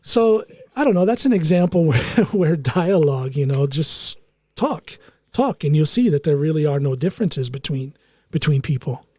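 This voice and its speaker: A soft-spoken man from the United States, hosting a conversational interview and telling stories at an easy pace. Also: on the high side, lively intonation, normal speed, no echo. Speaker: podcast host.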